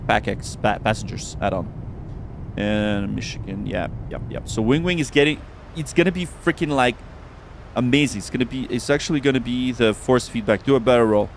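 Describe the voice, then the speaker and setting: A man's voice: medium pitch, a little fast, background noise. A man hosting a casual flight simulator livestream, talking informally and often repeating his words. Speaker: livestream host.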